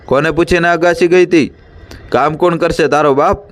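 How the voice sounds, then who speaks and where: A man voicing a domineering village mother-in-law in a storybook reading, nagging and shrill. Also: fairly even intonation, moderate pace, natural voice. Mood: scolding. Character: harsh scolding village mother-in-law, woman.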